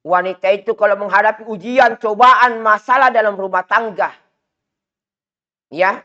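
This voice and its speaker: A man with a Makassar Indonesian accent giving a religious lecture, emphatic and repetitive, climbing higher to stress his points. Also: normal speed, pushed and bright. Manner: emphatic, repetitive, rising to raised pitch for stress. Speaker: Islamic teacher. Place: study hall. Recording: dull lo-fi recording.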